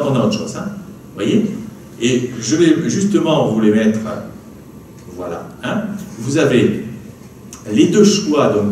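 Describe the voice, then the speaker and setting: A man's voice: fairly high pitch, mellow. A man with a southwestern French accent, giving a public lecture on slides in a chatty way, often adding "hein" and "d'accord". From southwest France. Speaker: meteorologist giving a public talk. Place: archive building lecture room. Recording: echoey room, from a distance, faint noise.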